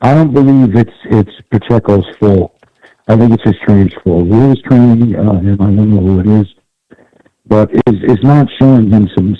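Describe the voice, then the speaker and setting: A man calling in on a fuzzy, overmodulated phone line, talking in a halting way with many restarts. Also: medium pitch, no echo. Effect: fuzzy distorted, overmodulated phone line. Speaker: caller. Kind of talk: casual call-in chat. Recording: dull distorted phone call.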